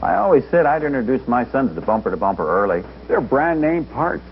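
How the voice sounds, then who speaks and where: A man's voice: medium pitch, sing-song, brisk, natural voice. An actor playing a plain-spoken father and business owner in a conversational, homespun commercial. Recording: dull lo-fi TV ad with music.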